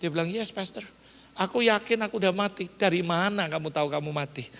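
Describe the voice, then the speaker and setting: A male pastor preaching a sermon, mixing in English phrases and building up to loud, emphatic lines. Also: high voice, fairly quick, creaky, in a large hall, slight background noise.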